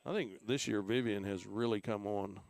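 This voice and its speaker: A man with an Oklahoma accent calls a softball game play-by-play, easygoing and chatty. His voice is gravelly, and the sound is dry and close on a headset mic. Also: lowish voice, moderate pace, no echo. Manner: relaxed conversational play-by-play. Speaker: play-by-play announcer. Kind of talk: local softball commentary.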